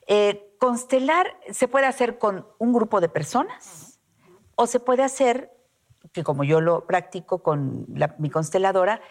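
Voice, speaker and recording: A woman's voice: mid-range voice, animated, unhurried. Woman guest chatting, lots of "o sea" and restarts, telling her story. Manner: warm storytelling, many fillers and restarts. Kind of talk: casual chat.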